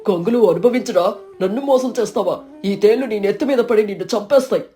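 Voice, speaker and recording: A scheming, envious village man from an animated storybook, as a woman puts him on, full of bitter grumbling. The voice is dark and mellow, a little removed from the mic, over faint background music. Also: medium pitch, quick pace, lightly acted. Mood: spiteful. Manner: bitter, self-pitying outbursts. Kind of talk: storybook character voice.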